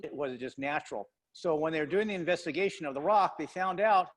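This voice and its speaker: A man guiding a tour of a discovery center over a video call from his phone, his audio skipping and breaking up as he explains the exhibits in plain, halting speech. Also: a little high. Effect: choppy, skipping call audio that keeps breaking up.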